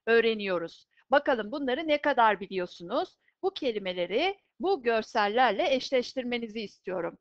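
Woman teacher doing a vocab lesson, kinda high voice, dull lo-fi dry sound. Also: lively intonation, no echo. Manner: slow, clear pronunciation drills, each word repeated. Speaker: English teacher. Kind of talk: recorded English vocabulary lesson.

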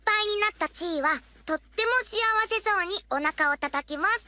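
An actor in full character voice plays an earnest, fond little boy narrating a children's cartoon as a diary read aloud, careful and childlike. The voice is very high, bright and forceful, at normal speed, with a fond, proud mood. Background music plays over the voice.

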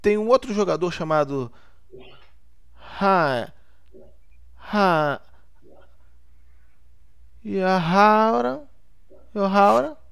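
Man playing a stammering clumsy sports pundit, gravelly voice, high and lively pitch, comic co-host. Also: fast talker, exaggerated voice. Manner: stumbles and stammers over each name. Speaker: comedy show co-host.

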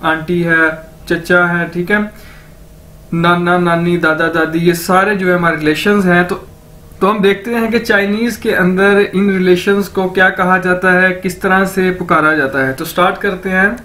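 Guy tutor doing an online lesson, talks slow, repeats words over and over, pretty high voice. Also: little pitch movement, pushed and bright. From Pakistan. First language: Urdu. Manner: slow, repeats words many times for drill. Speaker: language teacher.

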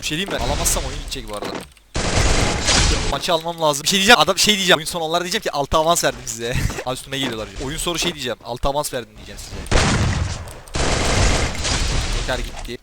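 A young man commentating his own game live, excitable and teasing, laughing often, with loud gunfire behind him. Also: fairly high pitch, very fast, long pauses, heavy background noise. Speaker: gaming streamer.

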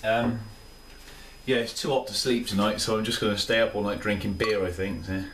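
This beer reviewer, a weary man in his thirties, talks a little fast in a lowish, fairly bright, steady voice as he rambles with casual enthusiasm in his small kitchen. The camera mic sits a few steps off, so the audio is roomy and distant, with slight background noise.

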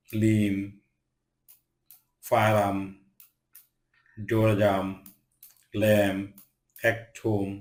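A low-voiced man drills English pronunciation, saying each word slowly and on its own. His tone stays flat and even from word to word. The room around him is echoey. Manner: slow, deliberate word-by-word drilling. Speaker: pronunciation teacher. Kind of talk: reading English word lists.

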